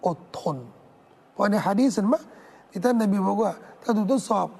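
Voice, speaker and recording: A man's voice: high voice, a little fast, creaky, a little mellow, slightly rough. A man giving an Islamic sermon in an emphatic manner, repeating key words and speaking to the listeners as brothers and sisters. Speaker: Islamic preacher.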